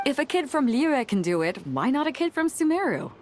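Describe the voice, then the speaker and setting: A woman voices a breezy, confident young battleship captain hawking weapons in a video game, teasing and informal, friendly and casual in mood. Her high voice swings widely in pitch, moves fairly quickly and has a darkish tone. There's a little hiss or hum, with music behind her.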